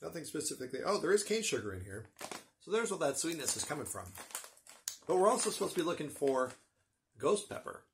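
A middle-aged man with a husky voice gives a casual, wry snack review with dry humor. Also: fairly high pitch, big pitch swings, fairly quick, a little hiss or hum. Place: small room with bookshelves, indoors.

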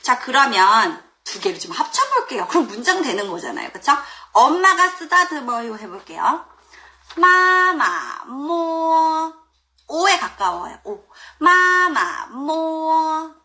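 Woman language teacher, live online class, animated pitch, bright clear tone, laughs often and drills sounds out loud. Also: moderate pace, hardly any pauses. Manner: lively, demonstrates sounds loudly with exaggerated tones; laughs often, talks directly to viewers. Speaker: Chinese teacher. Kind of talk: live online pronunciation lesson.

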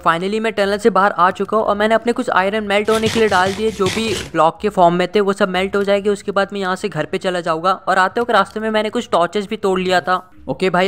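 A man giving excitable gameplay commentary, chatty with his viewers and breaking into frantic exclamations. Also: high-pitched, slight background noise. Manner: chatty, addresses viewers as guys and brother. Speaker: gaming channel host.

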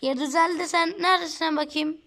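A woman's voice: very high voice, fairly even intonation, quick pace. A woman hosting a casual gameplay video, chatting and coaching a sibling as she drives in the game. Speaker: gaming video host. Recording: loud background noise.

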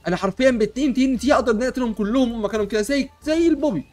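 Young egyptian guy gaming, super fast, frantic yelling, bit of music behind. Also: very high-pitched. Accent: Egyptian Arabic. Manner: loud, frantic and constantly exclaiming. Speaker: gamer playing a superhero in a block-building game. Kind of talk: excitable role-play over gameplay.

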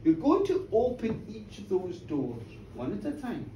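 A man's voice: high-pitched, wildly swooping pitch, warm tone, a little hiss or hum, pitched below the performer's own voice, heavily acted. Finvara, a man doing a stern fairy king. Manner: slow, measured commands. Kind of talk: live storytelling. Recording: echoey pub room, distant mic.

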